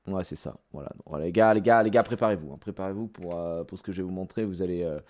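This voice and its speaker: A man's voice: low voice, fast talker, darkish tone. A man in his thirties, rambling through a casual live-stream story with many fillers and restarts. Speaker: streamer recounting a theme park outing.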